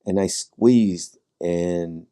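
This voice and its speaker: A man with a low, very dark and mellow voice recounts a personal story as a podcast guest. He speaks in a measured, dramatic way, pausing often and acting out his own past thoughts. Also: clean tone. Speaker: podcast guest, former highway patrol sergeant.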